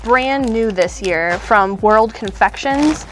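A woman's voice: fairly high pitch, slow pace, background noise. A woman in her thirties hosting a casual candy shop chat, upbeat and chatty with fillers and small laughs.

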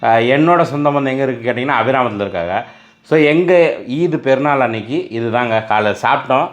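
A man's voice: mid-range voice, expressive, fast. A man hosting a casual family vlog, talking glumly straight to his viewers. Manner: glum, talks straight to viewers, sings a sad song a few times. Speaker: family vlogger.

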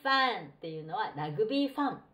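A middle-aged woman teaching a textbook English lesson, reading model phrases slowly and deliberately. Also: medium pitch, lively intonation, fairly bright tone. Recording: roomy echo.

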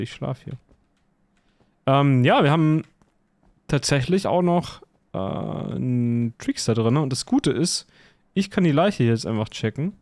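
A man's voice: fairly high pitch, no echo. A man in casual voice chat during a social deduction game, chatty and full of theories and joking asides. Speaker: game player.

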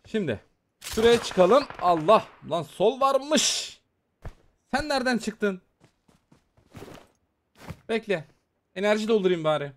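A man giving excited, chatty live commentary on a mobile shooter game, talking straight to his viewers as he plays. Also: high-pitched, slow pace, pauses often. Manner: excitable, chatty, talks to viewers while playing. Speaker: gaming YouTuber.

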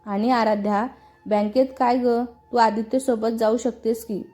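An insistent middle-aged hostess, voiced by a woman telling a story. She presses her point warmly in a mellow, fairly high voice. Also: steady tone, unhurried, faint music behind, close to an everyday voice.

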